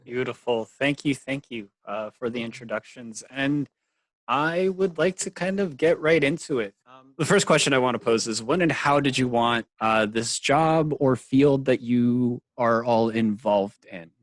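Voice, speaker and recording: A man's voice: mid-range voice, a little slow. A male physics instructor moderating a video call panel in an easygoing way.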